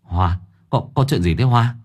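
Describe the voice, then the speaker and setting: A man's voice: on the low side, unhurried, a little mellow, breathy edge. A man voicing a shaken village man who stammers with a choked, broken voice. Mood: anxious.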